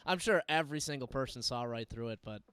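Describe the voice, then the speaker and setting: A man's voice: mid-range voice, quick pace, crowd noise. A man co-hosting a podcast in casual chat, laid-back and rambling. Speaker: podcast co-host.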